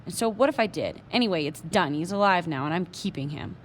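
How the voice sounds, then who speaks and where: A woman's voice: lowish voice, lively intonation, fast, a little hiss or hum, lightly acted. A woman reading aloud and voicing a stubborn young boy who whines and insists on getting his way. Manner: whiny, insistent. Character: upset young boy in pain, possessive and stubborn.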